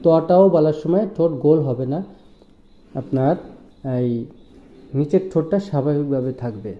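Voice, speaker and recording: A man teaching Quranic letter pronunciation in a slow, patient lesson, drawing out each sound as he demonstrates it. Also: a little high. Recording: roomy, dull lo-fi sound.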